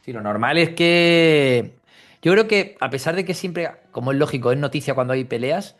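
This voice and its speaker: A man with a Spain Spanish accent hosts and interviews on a casual football podcast, speaking informally and chattily with plenty of slang. His voice is on the high side, slightly bright and animated, at a moderate pace.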